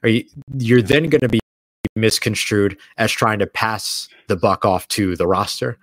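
This sports podcast co-host is a man with a fairly low, fairly bright voice who takes his time, laying out his points earnestly one step at a time. He's recording in a hotel or studio room away from home; the audio is dry but poor in quality.

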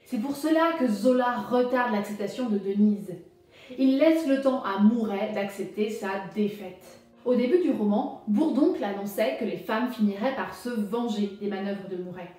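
A woman teacher explaining a novel in a clear, explanatory literature lesson. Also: mid-range voice, normal speed, warm tone, far from the mic. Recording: roomy echo.

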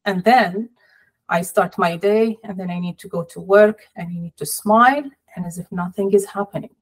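A middle-aged woman speaking as an interview guest over a video call, measured and sorrowful, with deliberate pauses. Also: mid-range voice, rough recording. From Palestinian, family in Jordan. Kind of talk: personal interview. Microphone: laptop or webcam on video call.

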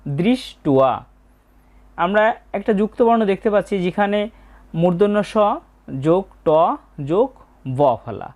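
A woman teaching how to pronounce Sanskrit verses, breaking words into single sounds and drawing them out slowly as she recites. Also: lowish voice, darkish tone. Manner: slow, deliberate, spells out sounds one by one. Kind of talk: pronunciation lesson on Sanskrit verses.

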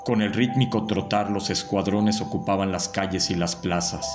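A man's voice: low voice, steady tone, moderate pace. A man giving a solemn, declamatory recitation of a dramatic poem. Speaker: poetry reciter. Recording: voice over loud music.

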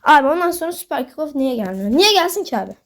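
A woman's voice: high-pitched, very animated, quick pace, fairly bright tone. A woman giving casual commentary while playing a football manager game, getting worked up and scolding the players on screen as she talks to her viewers. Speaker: gaming video host.

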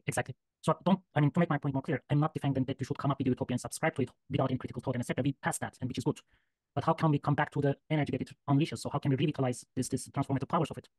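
A man's voice: mid-range voice, fairly even intonation, a little mellow, dry recording, low-quality recording. A man in his thirties, a guest speaker, arguing his point in an earnest way on a video call from a room with bookshelves. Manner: fast, earnest, argumentative. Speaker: guest speaker, human geographer. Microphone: laptop webcam video call.

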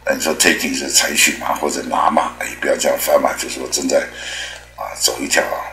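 A man teaching English pronunciation in a chatty, rambling way, with many drawn-out filler particles. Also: extremely low pitch, flat delivery, sharp tone, roomy sound, faint music behind, rough recording. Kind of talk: spoken language lesson.

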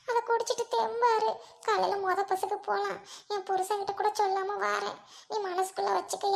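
A woman's voice: very high voice, creaky. A woman playing a caring village woman who coaxes and consoles an old man, in an amateur family drama. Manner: coaxing, consoling, raised worried voice.

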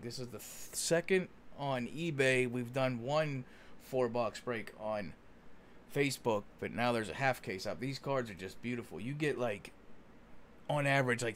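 Folksy guy doing chatty card break commentary, medium pitch, bit of noise behind him. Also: a bit bright. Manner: chatty, folksy, addresses buyers as friends. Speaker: host of a sports card box break. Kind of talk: casual running commentary while opening cards. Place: indoors at a card-covered table.

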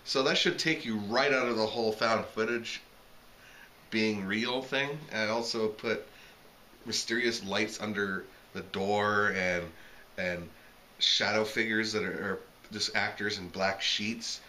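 A young man from Canada in casual, animated banter, ranting with exasperation about his own film. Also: lowish voice, measured pace, a little hiss or hum. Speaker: filmmaker in home sketches.

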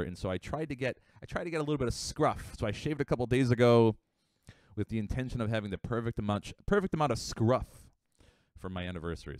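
A young man chatting casually on a live stream, rambling with fillers and quick asides. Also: medium pitch, dry recording, studio quality. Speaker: livestreamer.

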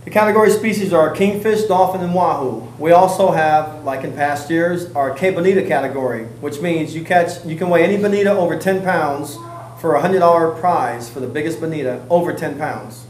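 A man's voice: fairly high pitch, brisk, darkish tone, roomy sound, a little hiss or hum, rough recording. A middle-aged man co-hosting a joking rundown of tournament rules, teasing his partner, recorded in a fishing shop. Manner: playful, teasing. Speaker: co-host.

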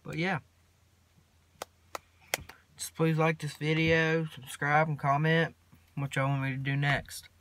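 A teenage boy, rambling casually to his phone camera from inside a parked truck, mumbling in a laid-back drawl with long pauses. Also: fairly high pitch, little pitch movement, a bit bright, slight background noise. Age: teens. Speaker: vlogger. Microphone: phone camera at arm's length.

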